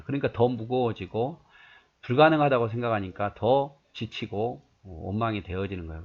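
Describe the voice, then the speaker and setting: Lo-fi, low-voiced man preaching. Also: creaky. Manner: conversational, rhetorical questions. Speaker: pastor. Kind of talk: sermon with scripture reading.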